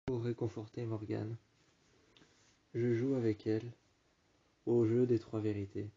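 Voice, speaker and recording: A man narrates a first-person story, slowly restating each phrase. His voice is very dark and flat in pitch. The recording sounds dull and lo-fi. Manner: slow, halting, repeats and rephrases phrases.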